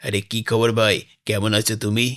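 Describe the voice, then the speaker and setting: A man's voice: on the low side, little pitch movement, normal speed, fairly bright tone, close to an everyday voice. A man voicing a mocking gang boss. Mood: menacing. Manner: taunting, bossy. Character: menacing male gang boss, greedy and mocking. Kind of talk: animated game-parody voice acting.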